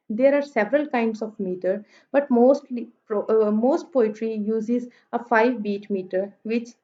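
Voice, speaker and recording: A woman, a literature teacher lecturing slowly, repeating each example and stressing single words. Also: a little high, a little mellow, lo-fi sound. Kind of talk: lecture in Urdu mixed with English.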